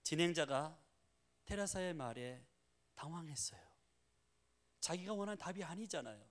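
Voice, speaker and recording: Middle-aged male pastor, lively preaching voice, keeps checking in with the congregation, a bit high for a man. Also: normal speed. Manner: animated, engaging the congregation with rhetorical "예?". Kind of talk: sermon.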